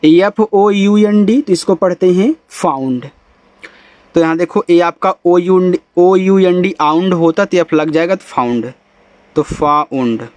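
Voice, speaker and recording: This man's voice sits high and a little mellow, with a measured pace and no echo. He's giving a patient Hindi phonics lesson on reading English, spelling every word out letter by letter before sounding it out and saying it again.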